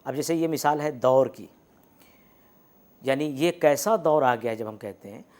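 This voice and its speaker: A man teaching letters and vowels in a recorded lecture. He explains patiently, says the example words slowly and repeats them, and often checks in with the class. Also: medium pitch, darkish tone. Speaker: Urdu language teacher.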